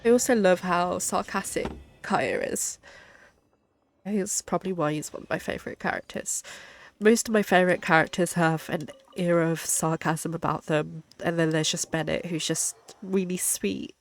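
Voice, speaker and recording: Chatty woman streamer, gravelly low voice. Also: normal speed, a little hiss or hum. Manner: chatty, giggly, amused commentary. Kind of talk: casual gameplay chat.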